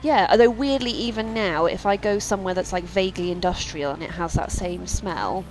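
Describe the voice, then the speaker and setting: Female streamer, chatty and meandering, slightly low voice, faint music under her. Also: a little fast, rough recording. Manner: rambling, chatty, many fillers. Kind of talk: casual let's-play chat.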